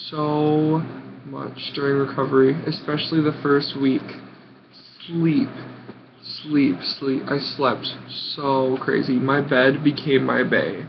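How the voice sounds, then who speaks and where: A young American man of about nineteen telling a personal story casually, in short halting phrases with dramatic emphasis. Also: medium pitch. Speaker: vlogger. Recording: muffled audio with clear background noise.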